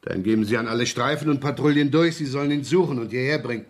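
An actor playing a wry, slightly scatterbrained police inspector in a radio crime drama, chatty and ironic. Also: male voice, mid-range voice, fast talker, lightly acted. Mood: businesslike. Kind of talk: 1970s German radio crime drama acting.

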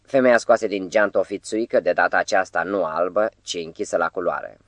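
Narrator: man, low-pitched, dry studio sound, measured literary reading. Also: fairly bright tone, dry recording. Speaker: audiobook narrator.

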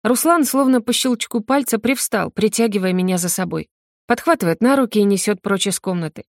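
A woman's voice: mid-range voice, lively intonation, a little fast, dry recording. Brief: woman in her mid range reading a romance audiobook, intimate and confessional, dry booth sound. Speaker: audiobook narrator. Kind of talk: scripted first-person narration.

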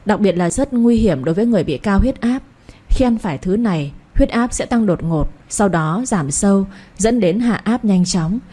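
A woman's voice: medium pitch, expressive, moderate pace, mellow, husky. A woman voicing a young man reading a formal report aloud.

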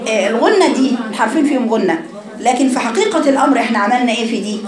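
A woman's voice: on the high side, expressive, racing, roomy sound, a crowd in the background. A woman with an Egyptian accent teaching a class on Quran recitation, asking her students questions and demonstrating sounds. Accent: Egyptian Arabic. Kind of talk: classroom lesson.

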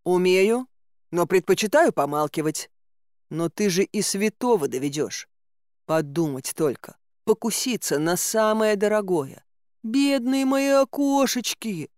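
A woman's voice: mid-range voice, lively intonation, measured pace, a little mellow, dry recording, clean studio sound, close to an everyday voice. A woman reading the part of a fussy, put-upon male talking castle in an audiobook, with an aggrieved, grumbling manner.

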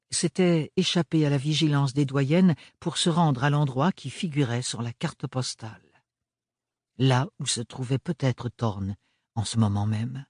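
A male audiobook narrator with a mid-range voice, reading in a steady, measured way. The sound is close and dry, with no room around it. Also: medium pitch, no echo. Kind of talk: scripted narration.

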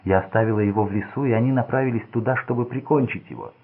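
A man's voice: medium pitch, quick pace, husky, lightly acted. A man reading the lines of a frightened, desperate young woman held captive, pleading and distraught, in a storybook. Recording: phone-like narrow band.

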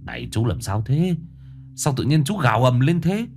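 A man voicing a flustered middle-aged office boss who stammers and speaks in a hushed, placating tone. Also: medium pitch, big pitch swings, moderate pace, soft background music, pitched above the performer's own voice. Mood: exasperated.

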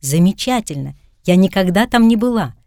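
A woman's voice: medium pitch, moderate pace, no echo, studio quality, natural voice. Woman reading a wry, witty young woman. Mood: playful. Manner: lively, wry, chatting to her cat.

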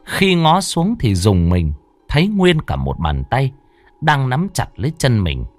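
A man narrating a horror story with expressive, dramatic pacing. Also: mid-range voice, a little slow, soft background music.

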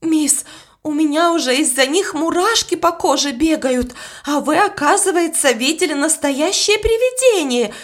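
A woman's voice: sits high, expressive, moderate pace, voice pushed up. A woman voicing a panicky, tearful young maid who talks in a frantic, pleading way, reading an audiobook. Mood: panicked.

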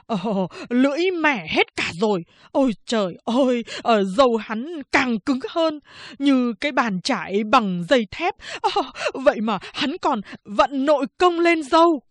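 A woman's voice: sits high, expressive, measured pace, no room sound, pitched above the performer's own voice. A woman voicing a timid, whining old male barber who stammers and complains at every turn. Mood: whiny, aggrieved. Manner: stammering with constant "uh" fillers, complaining.

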